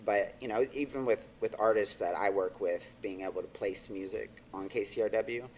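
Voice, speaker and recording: A man's voice: on the low side, normal speed, slight background noise. A man in his thirties from Texas with a faint Texan accent, a record label guest rambling casually with many fillers and restarts. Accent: Texan, mostly faded. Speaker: guest, record label owner and artist manager. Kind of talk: casual podcast chat.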